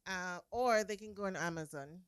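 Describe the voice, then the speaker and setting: A woman with a Jamaican accent, speaking earnestly as an interview guest and trailing off softly at the ends of her phrases. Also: mid-range voice, moderate pace, smooth, no room sound. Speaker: guest, author and preacher. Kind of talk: casual interview.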